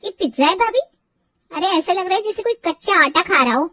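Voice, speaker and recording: A woman's voice: very high voice, lively intonation, fairly quick, bright, forceful tone, no room sound, lo-fi sound, voice pushed up, full character voice. A woman voicing a teasing young sister-in-law. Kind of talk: storybook cartoon voice acting.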